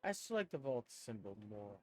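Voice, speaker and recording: With a medium-pitched, slightly mellow voice, this man sounds very animated and speaks at a moderate pace in a dry recording. He's a game streamer chatting casually and rambling self-consciously, thinking aloud while he plays.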